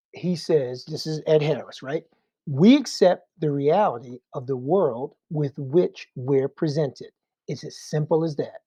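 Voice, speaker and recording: Male Sunday school teacher, warm tone, dry close sound, conversational with rhetorical asides. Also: on the high side, no echo. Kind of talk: adult Bible class teaching.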